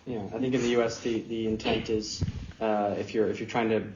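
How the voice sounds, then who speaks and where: Brief: young American man, quick low voice, casual, noisy echoey room. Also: level tone. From San Francisco Bay Area, USA. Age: young adult. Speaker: interviewed student. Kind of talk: casual chat. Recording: roomy, dull, clear noise.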